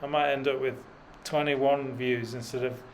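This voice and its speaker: On a mountain road climb, a middle-aged man who makes cycling vlogs rambles dryly and pokes fun at himself, using plenty of fillers. He has a mid-range voice with a steady tone and moderate pace, plus slight background noise.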